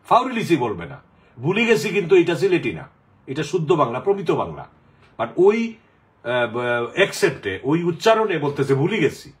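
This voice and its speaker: A middle-aged man from the Sylhet region, chatting casually in a rambling way with many fillers. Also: fairly high pitch. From Sylhet region, Bangladesh. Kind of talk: casual chat.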